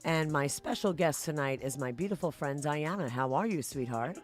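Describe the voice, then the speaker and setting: A woman hosting a live talk show, effusive and chatty, full of shout-outs. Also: low-pitched, expressive, moderate pace, soft background music. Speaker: radio show host.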